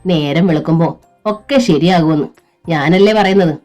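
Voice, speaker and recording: A woman doing a shrill scolding mother-in-law. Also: moderate pace, a little mellow, soft background music, lightly acted. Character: stern older mother-in-law, scolding and domineering.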